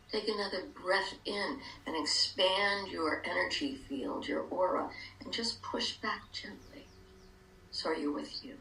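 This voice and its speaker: An older woman leading a guided meditation in soft, gentle, hushed phrases with pauses. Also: on the low side. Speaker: meditation leader. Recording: echoey room, distant mic.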